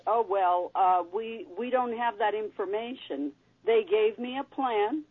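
A woman's voice: mid-range voice, slightly rough. A woman in her sixties calling into a talk radio show on a speakerphone, sounding echoey and complaining indignantly. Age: 60s. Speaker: caller. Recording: tinny speakerphone call over phone line.

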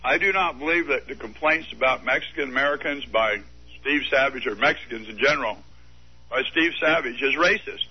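A man's voice: mid-range voice, brisk, husky. A man calling in to a radio talk show, arguing his views in an earnest, firm way. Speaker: radio caller. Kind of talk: call-in radio debate. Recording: dull lo-fi radio broadcast.

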